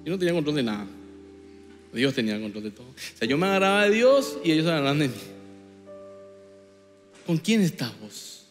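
A man's voice: fairly high pitch, very animated, a little fast, long pauses, long reverb tail, faint music behind. A man preaching a sermon as pastor, with a Paraguayan Spanish accent, acting out whiny complaints and God's blunt replies. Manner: theatrical, acts out whining characters and God's replies. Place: church sanctuary.

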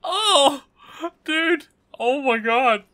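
A man chatting with friends while gaming, laughing and yelling at the chaos on screen. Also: extremely high pitch, lively intonation, extremely slow. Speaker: gamer and channel host. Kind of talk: casual gaming chat with friends.

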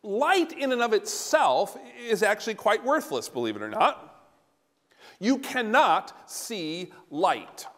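High-voiced pastor preaching in a reverberant church. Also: male voice, slow. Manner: animated, gesturing, walking about while preaching. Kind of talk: sermon. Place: large church sanctuary before the altar. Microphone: no handheld mic, recorded from a far camera.

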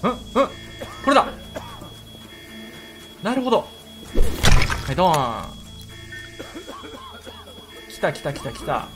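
A man's voice: a little high, big pitch swings, slow pace, pauses often, over music. A young man commentating on a horror game as he plays, exclaiming and repeating short phrases in a jumpy way, indoors on a streaming setup. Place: small indoor room.

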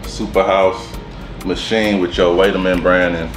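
A young man hosting a relaxed, casual mukbang chat at a dinner table, laughing often. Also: sits low, normal speed. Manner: laid-back, laughs often. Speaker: host. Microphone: camera across the table. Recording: echoey room with music.

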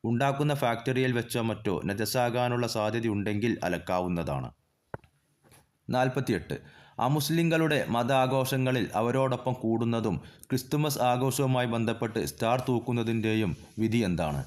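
A man reading out numbered exam questions and their answers in a steady recital. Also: mid-range voice, moderate pace. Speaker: quiz reader.

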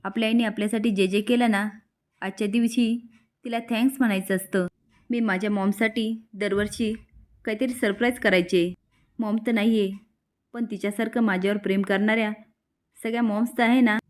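Warm, earnest young woman, affectionate, read by a woman recapping a serial. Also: medium pitch, fairly even intonation, brisk, natural voice. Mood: heartfelt.

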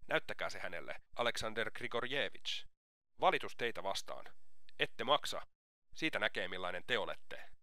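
A man's voice: fairly low pitch, expressive, pushed and bright, no echo, clean studio sound. A man reading an audiobook aloud, voicing an irritable young police lieutenant who barks his lines indignantly. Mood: shouting. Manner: barking, indignant.

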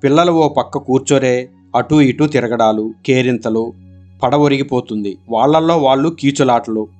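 A man narrating a storybook audiobook in a steady, expressive storytelling manner. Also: mid-range voice.

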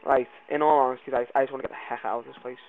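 A man's voice: medium pitch, very fast, soft background music. Jumpy man, tinny lo-fi mic. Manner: jumpy and excitable, swears and yells when startled. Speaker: gaming video creator. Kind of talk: let's play commentary.

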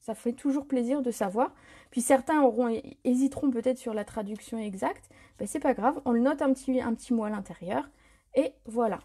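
A woman demonstrating a paper craft technique in a live tutorial, chatty and relaxed, often correcting herself and laughing at her slips. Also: fairly high pitch, a little fast, breathy edge.

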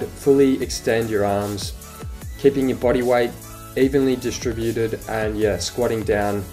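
A young man giving a casual instructional voice-over for a home barbell workout, relaxed and chatty with fillers. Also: mid-range voice. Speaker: fitness coach. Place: living room home gym. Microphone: voice-over, recorded separately.

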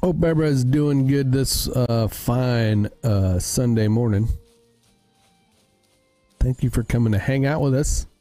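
A man's voice: medium pitch, a little slow, mellow, dry recording, faint music behind. A man hosting a casual gaming livestream, thinking aloud as he fiddles with his audio settings. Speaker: streamer host.

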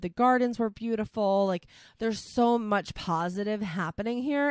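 A woman co-hosting a podcast in casual chat, talking in loose, chatty runs full of fillers and animated quotes. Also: mid-range voice, smooth, dry recording, clean studio sound. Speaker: podcast co-host.

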